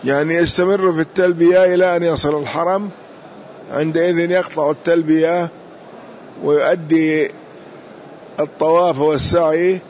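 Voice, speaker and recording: A man's voice: a little high, fairly even intonation, normal speed, pauses often, darkish tone. A man teaching a lesson, explaining a classical text and repeating key words to drill their pronunciation, in a muffled lo-fi recording.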